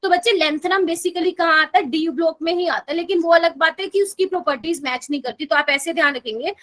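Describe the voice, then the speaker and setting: A woman's voice: very high voice, a little fast, fairly bright tone. A woman teaching a chemistry class online in Hindi, explaining step by step and often checking whether students follow. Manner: explains step by step, asks students to confirm with "okay?".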